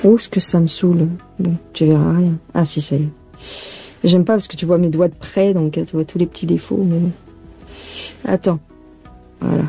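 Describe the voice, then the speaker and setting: A French woman teaches cross-stitch in a relaxed, hands-on video, chatting, thinking aloud and calling the viewer "tu" while a phone films her hands. Her fairly low, gravelly, dark voice keeps fairly even intonation at a normal speed, pausing often over soft music.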